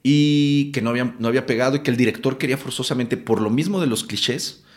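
Guest actor, male, Mexico City accent, lively anecdotal delivery with salty slang. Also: mid-range voice, fast talker. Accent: Mexican Spanish. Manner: animated, acts out quotes, swears casually. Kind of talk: casual storytelling interview.

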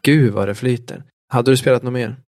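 A man co-hosting a podcast, relaxed and casual, asking the others questions about games. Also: mid-range voice, no room sound, clean studio sound. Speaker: podcast co-host.

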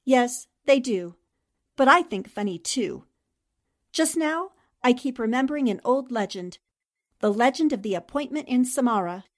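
Her part is a clever, composed columnist who does amateur detective work in a radio mystery, and she delivers it deliberately, as if telling a tale. With a fairly high, animated pitch and light acting, she sounds pensive.

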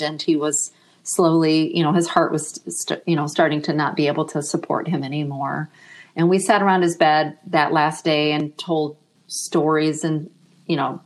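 Middle-aged woman guest, deep-set low voice, gentle and reflective, emotion close to the surface. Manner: soft-spoken, reflective, emotional. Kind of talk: reflective interview conversation.

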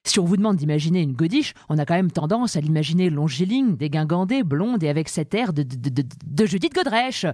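A woman hosting a comic monologue about the origins of insults, talking in a lively, playful, self-mocking way. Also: deep voice, a little fast, few pauses, no echo, clean studio sound. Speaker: host.

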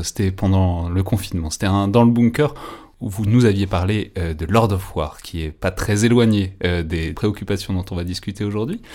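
A man's voice: deep voice, darkish tone. A man hosting a research podcast, introducing guests and asking questions with many fillers and restarts. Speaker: podcast host. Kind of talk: podcast interview.

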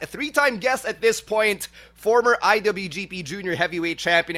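A man's voice: sits high, bright, forceful tone. A man, hosting a casual podcast interview. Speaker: podcast host.

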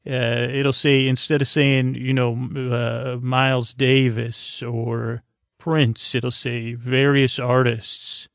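In clean studio sound without echo, an American man with a gravelly, creaky voice hosts a bedtime sleep podcast. His tone stays level at medium pitch as he rambles haltingly, drifting off and looping back around.

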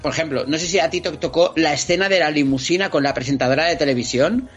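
A man's voice: a little high, quick pace. A man with a Spain Spanish accent, chatting on a podcast as a guest and acting out scenes with vivid interjections. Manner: expressive storyteller, acts out scenes with interjections. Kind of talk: casual podcast chat. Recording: slightly dull lo-fi audio, faint music behind.

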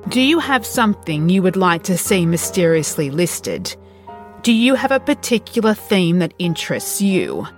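Woman narrating true crime, measured and suspenseful. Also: lowish voice. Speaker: podcast host and narrator.

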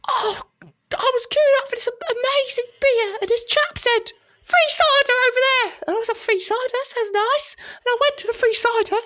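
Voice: extremely high pitch, normal speed, bright, forceful tone, voice pushed up. A game master voicing a confused, injured man who has just been freed from a parasite, in a whiny, bewildered tone.

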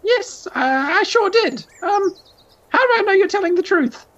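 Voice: extremely high pitch, expressive, normal speed, a bit bright, dull audio, pitched above the performer's own voice. A game master voicing a frightened gecko villager who is hiding behind a door and is suspicious of visitors. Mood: nervous. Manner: nervous, suspicious, pleading.

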